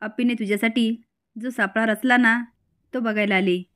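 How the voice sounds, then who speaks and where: A woman's voice: fairly high pitch, steady tone, normal speed, fairly bright tone, smooth, close to an everyday voice. A woman voicing a jealous young fiancée who accuses and scolds her rival in a retold television serial. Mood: scornful.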